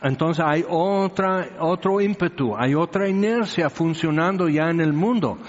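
A male preacher gives a sermon in a conversational, teasing way and keeps checking that his listeners follow. His voice sits a little high for a man. The sound is dull and lo-fi, with a long hall reverb around it. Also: measured pace.

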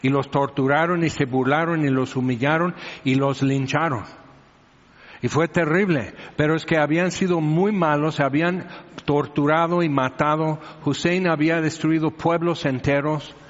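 Preacher in a reverberant hall. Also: male voice, on the high side, fairly even intonation, moderate pace. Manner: conversational, teasing, asks the listeners questions. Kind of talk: sermon. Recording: reverberant hall, dull lo-fi sound.

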